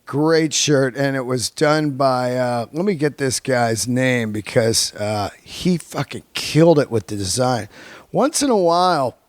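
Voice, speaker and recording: Unhurried and expressive, this medium-pitched man in his early fifties hosts a podcast, chatting to his audience in a relaxed, slangy way with lots of swearing. He's a stand-up comedian by trade, and the recording has no room sound.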